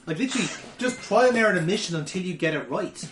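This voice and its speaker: A man's voice: high voice, lively intonation, quick pace, fairly bright tone, faint music behind. A man doing casual, rambling gaming commentary, sweary and laughing often. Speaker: let's play commentator. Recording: echoey room with faint noise.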